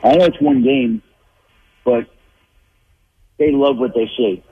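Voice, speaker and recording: Over a tinny phone line, an NFL insider guest offers sports analysis in a slow, creaky, husky mid-range voice that's very animated. He thinks out loud, often restarting and repeating himself.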